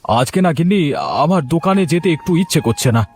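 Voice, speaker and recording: A man's voice: a little high, expressive, fast, a little mellow, natural voice. A man voicing a lazy, easygoing village shopkeeper husband in a cartoon, whiny and coaxing. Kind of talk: cartoon voice acting. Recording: cartoon soundtrack with music.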